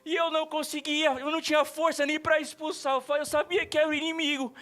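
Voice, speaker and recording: A man's voice: extremely high pitch, level tone, fast, bright, forceful tone. A man, a pastor giving an earnest, emotional testimony sermon in a church. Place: church sanctuary.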